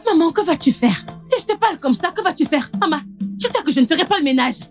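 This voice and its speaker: A defiant young daughter in a dubbed film. Her voice is high and lively, swinging up and down as she talks back. Soft music plays behind her. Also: quick pace. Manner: defiant, mocking.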